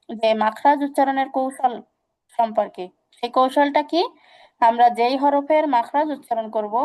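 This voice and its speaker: A woman's voice: high voice, darkish tone. A woman teaching an online recitation class, patient and repetitive, asking her students questions. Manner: patient, repeats examples slowly, asks students questions.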